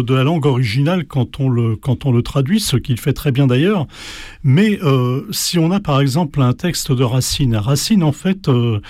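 A man's voice: medium pitch, darkish tone, no room sound. A man in an interview explaining translation, often hesitating and restarting with many fillers. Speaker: interview guest.

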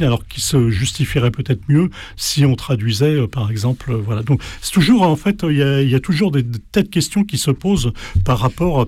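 A man's voice: medium pitch, a little mellow, no echo. Man, interview guest, hesitant, many fillers and restarts, mid-range voice, dry recording. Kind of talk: explaining translation in conversation.

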